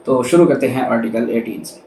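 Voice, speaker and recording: This Pakistani lecturer has a warm, mid-range voice and speaks fairly quickly, explaining law by reading formal passages and then restating them step by step with English legal terms mixed in. His delivery is methodical and repetitive. A faint hiss or hum sits under the echoey room sound, and the mic is far from him.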